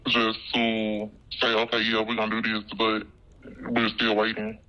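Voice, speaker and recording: An anonymous worker speaking plainly and with worry in a news interview, the voice electronically disguised and pitched down. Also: monotone, normal speed. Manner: worried, plain-spoken. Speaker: anonymous health department worker. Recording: dull, lo-fi processed audio.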